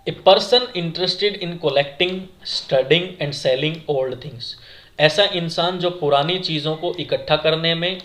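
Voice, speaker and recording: In a classroom-style lesson explaining exam vocabulary, a man with a higher, slightly bright voice teaches as an exam-prep English instructor. He addresses viewers as friends, asking them questions and then repeating the answers.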